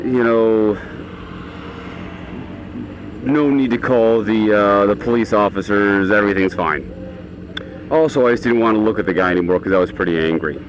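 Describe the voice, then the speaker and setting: A man's voice: on the low side, normal speed, pauses often, muffled recording. A man vlogging casually as he rides a motorcycle, talking from inside his helmet in a rambling, offhand way. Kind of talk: casual rambling vlog talk. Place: outdoors on a motorcycle in traffic. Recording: engine and road noise, inside a helmet.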